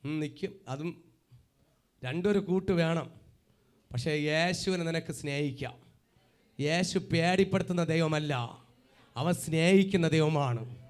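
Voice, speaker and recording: A man preaching a sermon fervently, swinging from loud cries to hushed asides. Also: on the high side, measured pace, long pauses, clear, resonant tone.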